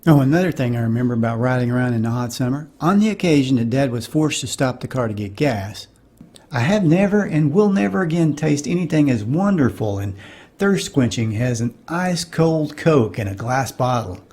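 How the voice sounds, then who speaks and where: A man's voice: mid-range voice, animated, a little fast, a little mellow. A middle-aged man giving wry, nostalgic comedic narration for a cartoon.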